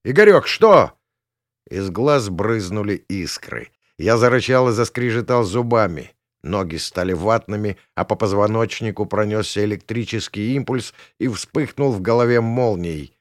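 A man reading a first-person audiobook in a gruff, colloquial way. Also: on the low side, normal speed, dry recording, studio quality. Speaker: audiobook narrator.

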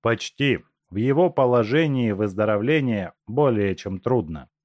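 Guy doing a strict asylum doctor, curt and firm, lively delivery. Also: mid-range voice, unhurried, no echo, voice pushed up. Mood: stern. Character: stern asylum director, middle-aged doctor.

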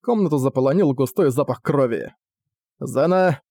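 A man's voice: mid-range voice, animated, brisk, warm tone, no echo. A man narrating an audiobook dramatically and expressively, close to a studio mic. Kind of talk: audiobook reading.

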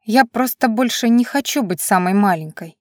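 A woman's voice: on the high side, lively intonation, moderate pace, dry recording, studio quality, natural voice. A woman voicing a tearful, pouting little girl. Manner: sniffling, pouting.

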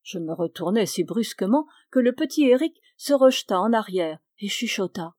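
A woman with a French accent reading a literary novel aloud as an audiobook, in a measured, calm storytelling manner. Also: medium pitch, dry recording, clean studio sound. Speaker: audiobook reader.

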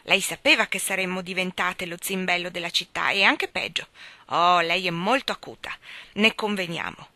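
A woman's voice: on the low side, normal speed, sharp tone, no echo. A woman voicing a small, wrinkled, proud old spinster in an audiobook, speaking with stiff, bitter formality.

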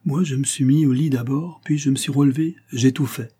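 A man's voice: mid-range voice, fairly even intonation, brisk, warm tone, husky, pitched above the performer's own voice, close to an everyday voice. A man reading the part of a scheming young male bandit in an audiobook, speaking in a mocking, carefree tone.

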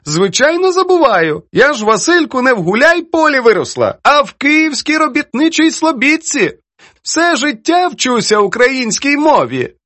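A man voicing a merry elderly woman children's poet who teases and mocks her editor. He reads it in a high, lively voice. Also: moderate pace, dry recording, heavily acted. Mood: mocking. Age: older. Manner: teasing, laughs easily.

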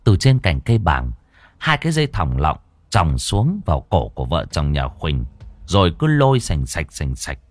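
A male horror narrator with a low voice tells a ghost story dramatically, swinging his pitch up and down with each turn. The recording is dry and close, with no room sound at all. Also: sing-song, normal speed, no room sound.

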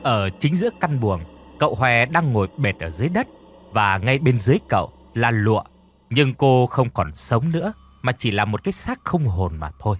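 A man narrating a horror story in a dramatic, expressive storytelling manner. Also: mid-range voice, moderate pace, faint music behind.

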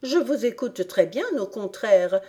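A woman's voice: lively intonation, unhurried, dark tone, close to an everyday voice. A woman voicing a polite, dreamy young girl in a storybook, eager and pleading. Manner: eager, pleading, higher than her narration.

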